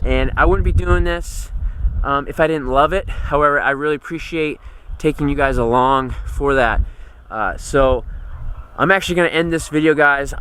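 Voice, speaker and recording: American guy doing a casual walk and talk farm vlog, slightly high voice, earnest and chatty, outside. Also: a bit bright, smooth. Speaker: homesteading vlogger. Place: outdoors on a farm.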